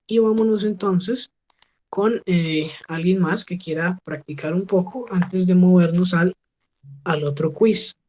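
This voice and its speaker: A woman teaching an English class over a video call. She models each phrase slowly and keeps checking with her students. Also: on the low side, warm tone, a little hiss or hum. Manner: patient, slow model pronunciation with frequent check questions. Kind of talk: online class instruction.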